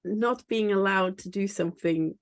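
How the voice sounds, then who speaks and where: A woman hosting an interview, reading a formal introduction and then asking questions in a measured way. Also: medium pitch. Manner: measured, formal read-out delivery. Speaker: interview host.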